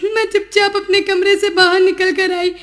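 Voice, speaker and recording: A woman's voice: very high-pitched, level tone, moderate pace, fairly bright tone. A young woman playing a cruel, scheming sister-in-law who snarls threats in a rural film. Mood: fake tearful. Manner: snarling threats, fake tearful whining. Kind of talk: rural Hindi film acting.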